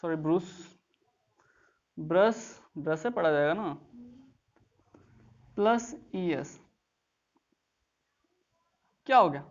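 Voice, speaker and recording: A woman's voice: lowish voice, expressive, slow, long pauses, muffled recording. A woman teaching English grammar in an online class, explaining step by step and often checking that students follow.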